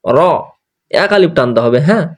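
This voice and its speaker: A man teaching Quran pronunciation, patiently explaining where the tongue goes and repeating each letter sound slowly in drills. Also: fairly high pitch, animated. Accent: Bangladeshi Bengali. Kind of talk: online tajweed class recap.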